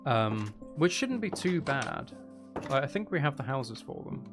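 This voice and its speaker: A gaming streamer speaks in a sing-song, medium-pitched voice, unhurried as he casually narrates his live gameplay. He thinks aloud in a chatty way and mutters with mild exasperation while music plays in the background.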